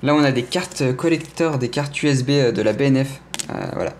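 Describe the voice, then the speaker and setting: A young man with a French accent speaks a little fast in a medium-pitched, slightly mellow voice, with a little hiss or hum in the background. As a gaming streamer showing his setup, he rambles casually around his gaming room, frequently hesitating and correcting himself while joking playfully and enthusiastically about his collectibles.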